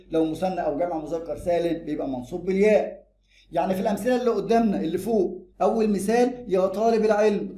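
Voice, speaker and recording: A man with an Egyptian Arabic accent teaching a grammar lesson, quick and emphatic, slowing down to stress each example. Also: fairly high pitch, mellow, echoey room. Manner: brisk, drills examples slowly and emphatically.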